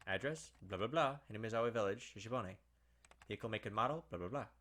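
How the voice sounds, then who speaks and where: A gaming video host with a lowish, fairly bright voice gives quick, casual commentary, reading on-screen text aloud and puzzling over his theories. Game noise plays clearly in the background.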